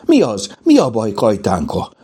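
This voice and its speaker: A man's voice: sits low, big pitch swings, warm tone, slightly rough, exaggerated voice. A man voicing a clever, grumpy young boy in a children's audiobook, blunt and scolding.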